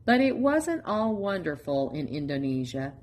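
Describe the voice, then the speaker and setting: A woman with a low-pitched voice reads a children's picture book aloud at storytime. She's expressive and deliberate, pausing as she goes.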